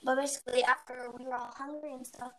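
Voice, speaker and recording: A teenage girl co-hosts a casual podcast and rambles through a story, piling up fillers as she goes. Her voice sits high. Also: little pitch movement, fast talker. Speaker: podcast co-host. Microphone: home mic, recorded remotely.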